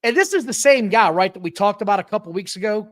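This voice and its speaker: Man, high voice, very lively pitch, animated, opinionated, podcast co-host. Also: fast talker. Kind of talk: casual wrestling chat.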